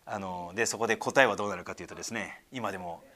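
A man's voice: sits low, very fast, fairly bright tone. A man preaching a sermon in a conversational way, explaining scripture with casual asides and fillers. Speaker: pastor.

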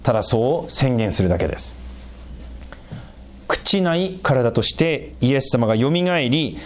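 A middle-aged man preaching a sermon as a pastor, explaining scripture in an animated way and making small jokes with the congregation. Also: moderate pace. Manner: animated, raises pitch for emphasis and quoted lines, jokes with the congregation.

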